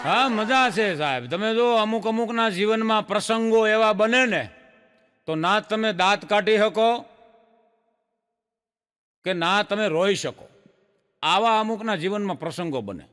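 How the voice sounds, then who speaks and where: A man's voice: sits high, a little slow, long pauses, a bit bright, smooth, in a large hall. A middle-aged man telling jokes on stage as a chatty storyteller who stretches out his punchlines. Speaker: stand-up joke teller. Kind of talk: live stage joke telling.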